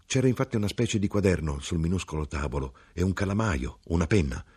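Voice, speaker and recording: A man reading a novel aloud as the narrator, in a measured, expressive storytelling manner. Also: low voice, husky.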